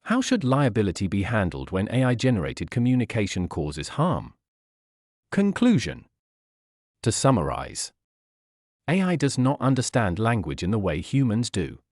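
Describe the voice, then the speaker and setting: A man reading a structured scripted explainer as narrator, in a measured tone. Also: on the low side, wildly swooping pitch, a little mellow, dry recording, clean studio sound.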